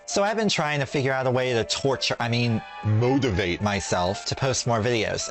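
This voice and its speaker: A man with a lisp, his speech slightly hampered by a sore tongue, chatting to the camera in a sassy, teasing way. His voice sits at an ordinary middle pitch, with faint music underneath. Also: a bit bright. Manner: sassy, joking, self-mocking. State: speaking around a sore bitten tongue. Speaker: reaction video host. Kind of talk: casual vlog chat and voiceover.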